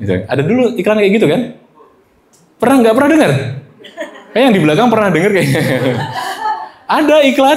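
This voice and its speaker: A man in his thirties giving a presentation-skills workshop, animated and demonstrative, switching between high and low voices to show examples. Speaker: presentation trainer. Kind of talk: workshop lesson.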